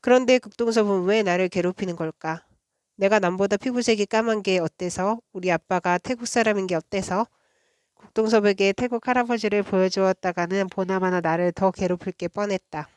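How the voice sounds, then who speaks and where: A woman narrating a children's book aloud in a steady, expressive storytelling way. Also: medium pitch, a little fast, clear, resonant tone, no echo, studio quality. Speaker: book reader.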